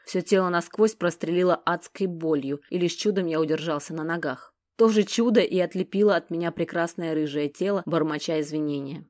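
A woman narrating a first-person story with a wry, even delivery. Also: fairly low pitch, brisk, few pauses, no room sound, clean studio sound. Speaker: audiobook narrator.

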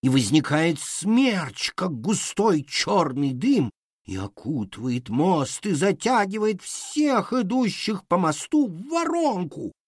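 A man voicing a timid little storybook character who tells a scary tale in a spooky deep, hushed voice. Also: very animated, slow pace, husky, dry recording, studio quality, exaggerated voice. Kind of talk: children's audiobook character reading.

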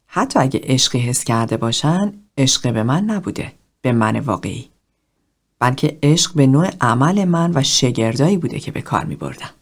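A woman reading a cold, self-loathing middle-aged man in group therapy, speaking in a low, hushed, half-whispered confession. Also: sing-song, heavily acted. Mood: bitter.

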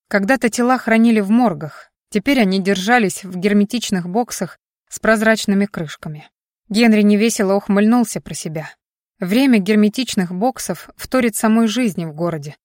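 A woman reading a science fiction novel as scripted audiobook narration, measured and even, dropping low and quiet at the ends of sentences. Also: no echo, studio quality.

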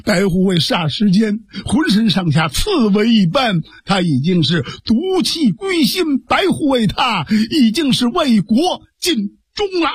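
A man's voice: sits high, big pitch swings, measured pace, few pauses, slightly rough, dry recording, clean studio sound, heavily acted. A man playing a sly captured informant who talks glibly and knowingly. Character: Deng Che, sly captured informant eager to talk.

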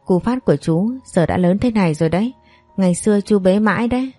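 A woman voicing a gentle, very polite young man who has just come back from abroad. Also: mid-range voice, fast talker, no room sound, soft background music, natural voice.

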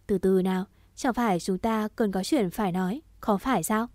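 Một người phụ nữ đọc giọng một gã trai trẻ thủ đoạn, nói giọng khiêu khích, chế giễu và hay chửi thề. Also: female voice, medium pitch, normal speed, a little mellow, no echo, close to an everyday voice. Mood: taunting. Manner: mocking, swearing, provocative. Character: crude scheming young man, taunting and foul-mouthed.

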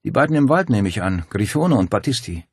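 A man's voice: fairly low pitch, big pitch swings, a little fast, breathy edge, dry recording, studio quality, pitched above the performer's own voice, exaggerated voice. A man voicing a determined young woman who speaks urgently and decisively. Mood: tense.

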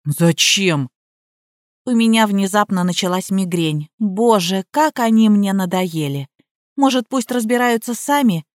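A woman narrating a comic first-person audiobook in a lively, ironic manner. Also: mid-range voice, moderate pace, dry recording, studio quality.

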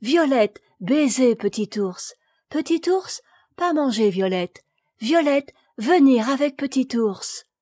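Woman reading as little girl, high sweet baby talk, slow, dry sound. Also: animated, darkish tone, no echo, full character voice. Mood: tender coaxing. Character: small frightened little girl, sweet and trusting.

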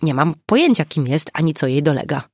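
A reader voicing a gentle woman friend who speaks softly and soothingly. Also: medium pitch, sing-song, brisk, dry recording, clean studio sound. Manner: gentle, soft.

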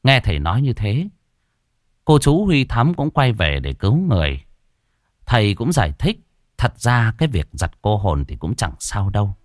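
A man narrating a ghost story in an expressive, dramatic way. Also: lowish voice, moderate pace, no echo, clean studio sound.

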